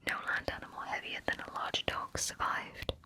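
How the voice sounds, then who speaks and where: Whispering scripted facts close to the listener's ear throughout, this ASMR narrator speaks at normal speed with a sharp tone. A close ear-to-ear stereo mic picks it up.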